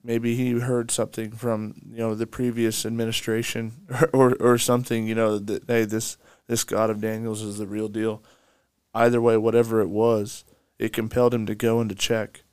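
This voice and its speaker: Smooth, flat-voiced man reading scripture. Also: fairly low pitch, normal speed, no room sound. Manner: reads scripture aloud, then comments with restarts. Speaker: podcast co-host. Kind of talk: casual Bible study discussion.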